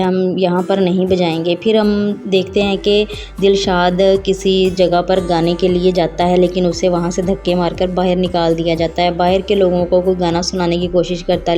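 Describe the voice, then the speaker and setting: Woman going through a drama episode plot, low mellow voice, soft music behind. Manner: unhurried plot recap with hesitations. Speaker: drama reviewer.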